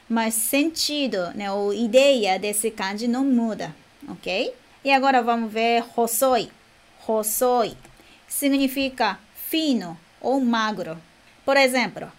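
A woman teaching kanji, repeating each word slowly and closing points with short checks to the listener. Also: a little high. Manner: repeats words slowly, tags with "né?" and "ok?". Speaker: Japanese teacher. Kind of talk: kanji lesson.

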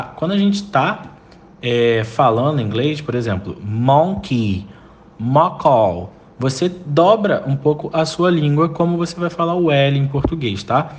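A man teaching a list of English vocabulary words, saying each word slowly and repeating it for practice. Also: fairly high pitch, expressive, a little hiss or hum. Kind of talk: vocabulary lesson.

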